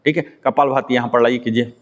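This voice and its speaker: A man's voice: medium pitch, steady tone, fast, highs cut off. A man leading a yoga class, giving patient step-by-step instructions and quizzing his students. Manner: patient, repeats key words and quizzes students. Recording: long hall reverb.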